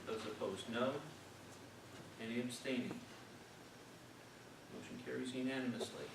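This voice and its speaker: A man chairs a board meeting using formal, set procedural phrases, his mid-range voice steady in tone, a little slow and creaky. A distant microphone captures him in a noisy meeting room with a lot of echo.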